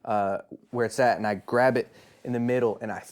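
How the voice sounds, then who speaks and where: A young man co-hosting a podcast, telling a spooky story in a lively way, laughing and calling his friend bro. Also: medium pitch, brisk. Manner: animated, laughing, says bro a lot. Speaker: podcast co-host. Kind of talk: casual chat, telling a scary anecdote.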